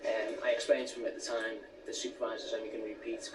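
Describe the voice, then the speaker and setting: A man working as an airline team leader at an airport check-in desk, firmly and calmly repeating policy to a passenger. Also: fairly low pitch, fast. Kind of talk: fly-on-the-wall documentary. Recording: distant roomy audio with background noise.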